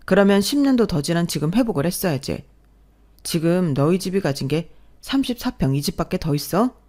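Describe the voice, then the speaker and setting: A woman voicing a scornful, arrogant young husband in an audio story, talking down with loud contempt. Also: deep voice. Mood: contemptuous.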